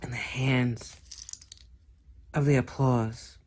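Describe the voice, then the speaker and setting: A woman reciting a comic verse monologue theatrically, with a dramatic delivery that moves between hushed and loud. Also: very deep voice, fairly even intonation, takes it slowly, husky. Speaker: performer.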